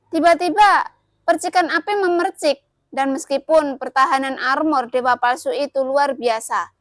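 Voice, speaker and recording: A woman narrating an audio novel in a steady reading voice. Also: high-pitched, no room sound, clean studio sound.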